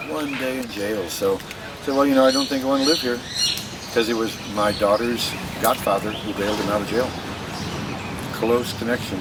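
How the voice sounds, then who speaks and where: An American man in his sixties tells personal stories in a casual, meandering way with halting phrases. His voice is on the low side. He sounds away from the microphone, with clear background noise. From United States. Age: 60s. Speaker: interviewee. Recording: distant microphone with noisy ambience.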